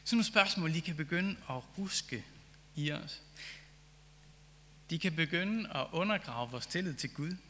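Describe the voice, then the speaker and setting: A man's voice: a little high, animated, pauses often, a bit bright, a little hiss or hum. A man preaching a sermon, reading scripture and then reflecting on it earnestly, with rising emphasis on key phrases. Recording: long hall reverb.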